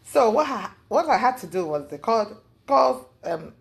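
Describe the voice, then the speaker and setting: A woman telling her story in a casual interview, rambling with many fillers and acting out what others said in a high voice. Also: very animated, normal speed, creaky. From lives in the US. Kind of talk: casual storytelling recounting events.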